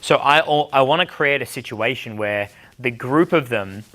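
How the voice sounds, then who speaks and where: Bright-voiced man coaching a seminar. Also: mid-range voice, normal speed. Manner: blunt, swears freely, acts out bar dialogue. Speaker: dating coach. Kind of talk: seminar talk answering questions.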